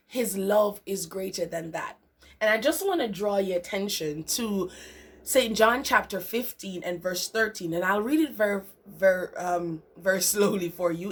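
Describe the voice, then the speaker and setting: A young woman hosting a motivational faith talk show, enthusiastic and repeating words for emphasis. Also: mid-range voice. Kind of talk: upbeat devotional talk.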